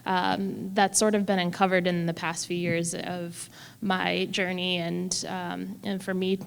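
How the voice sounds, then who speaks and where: A woman panelist speaking in a measured, thoughtful way. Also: lowish voice, flat delivery, gravelly, clean tone. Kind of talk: panel discussion. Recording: long hall reverb.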